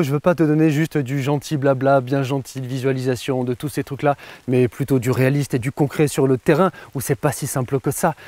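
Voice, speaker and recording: A man's voice: on the high side, a little mellow, no room sound. Emphatic French man coaching. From France. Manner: emphatic, repeats phrases for effect. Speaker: motivational coach. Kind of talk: motivational talk to camera.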